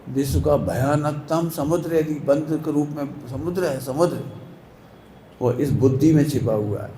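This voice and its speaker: Man, Jain preacher, slow emphatic sermon, repeats phrases, echoey hall, faint room hum. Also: fairly high pitch, warm tone. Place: large hall.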